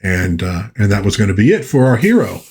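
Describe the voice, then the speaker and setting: A fairly low, darkish voice with a breathy edge and a sing-song lilt moves at a brisk clip as this man reviews old pulp fiction on his pop culture channel. The talk is casual and rambling, with frequent self-corrections, short read-aloud bits and plenty of fan enthusiasm.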